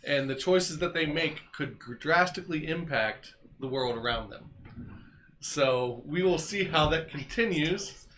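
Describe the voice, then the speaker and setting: A man acting as dungeon master, introducing a tabletop game stream in a relaxed, explanatory way. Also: fairly high pitch, unhurried, slight background noise.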